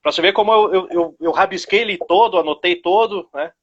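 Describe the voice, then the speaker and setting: A man with a high voice, talking a little fast, interviews an author over a video call at a book launch, with the audio's highs cut off. He is friendly and often repeats words and restarts his sentences.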